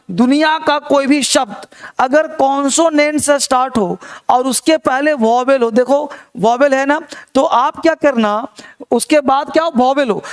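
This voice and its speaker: High-voiced man teaching pronunciation. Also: clean tone. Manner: repeats words slowly and asks checking questions. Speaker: English teacher. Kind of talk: live online class.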